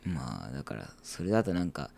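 Fast rambling young man, lively pitch. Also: vocal fry. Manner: rambling, restarts, animated bursts. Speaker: podcast co-host. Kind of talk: casual chat in Japanese.

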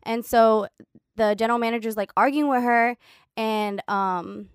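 A woman's voice: on the high side, unhurried, smooth, no echo, clean studio sound. A woman casually telling a long story, swearing freely and saying "like" constantly. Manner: profane, animated, heavy use of "like".

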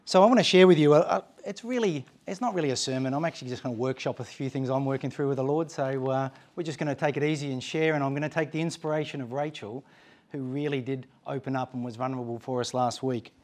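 A man's voice: mid-range voice, fast. A man in his forties giving an informal church talk, telling funny family stories and acting out the voices of the people in them. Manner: animated storytelling, acting out quoted voices. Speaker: guest speaker at a church. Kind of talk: informal sermon with humorous anecdotes.

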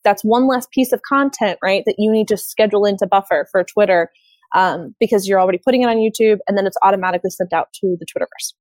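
A woman's voice: mid-range voice, fast talker, darkish tone, no room sound, low-quality recording. A woman social media consultant giving advice in a podcast interview, explaining in a casual way with fillers like "you know" and "like". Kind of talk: conversational interview.

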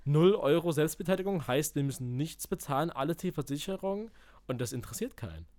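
A man telling a story in casual chat, animated, acting out quotes, swearing and laughing. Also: on the high side, a little fast. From village.

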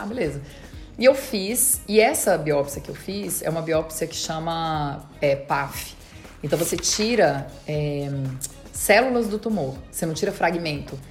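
A woman guest on an interview podcast, casually recounting her story in a fast, chatty way and quoting past conversations. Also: low-pitched. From Brazil. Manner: fast, chatty retelling with quoted dialogue. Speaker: dentist and marathon runner.

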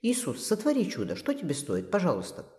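A man reading an audiobook, voicing a gentle, devout teenage girl who pleads in prayer. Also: high voice, huge pitch swings, a little fast, voice pushed up. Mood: pleading. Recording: roomy reverberant room.

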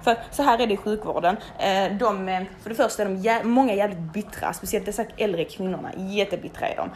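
A young woman telling a story in casual, animated speech, swearing freely and acting out the people she quotes. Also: medium pitch, a little hiss or hum.

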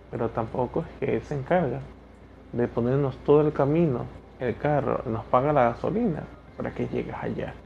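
A man's voice: mid-range voice, creaky, a little hiss or hum. A man in his thirties from Ecuador with an Ecuadorian Spanish accent, hosting a motivational solo podcast and speaking bluntly and preachily straight to the listener. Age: 30s. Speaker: podcast host. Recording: dull lo-fi sound with faint music.

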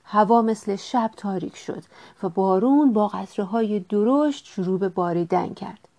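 A woman reading a children's storybook aloud with gentle, expressive narration. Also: mid-range voice.

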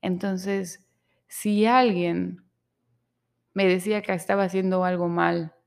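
A woman's voice: on the low side, steady tone, slow, vocal fry, a little mellow, clean tone. A young adult woman, hosting a podcast and telling a personal story in a candid, emotional way. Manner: candid, emotional storytelling with self-quoted inner speech. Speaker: podcast host. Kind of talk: personal confessional monologue.

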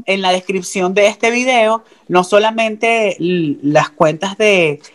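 A man's voice: sits high, takes it slowly, a crowd in the background. Upbeat man hosting a podcast. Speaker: podcast host. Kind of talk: casual podcast chat.

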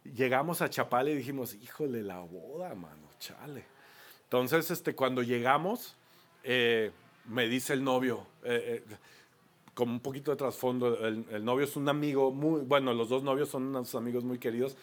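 A man with a Mexican accent preaching a sermon, an animated storyteller who often repeats his words. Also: medium pitch, normal speed. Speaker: pastor.

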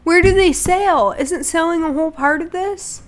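A young woman co-hosting a casual podcast chat, profane and animated as she tells stories. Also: very high voice, normal speed. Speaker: podcast co-host.

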